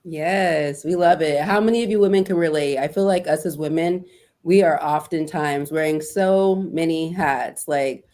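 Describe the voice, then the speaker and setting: A woman's voice: deep voice, mellow. A woman hosting a podcast, asking questions in an upbeat, casual way. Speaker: podcast host. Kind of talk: casual interview.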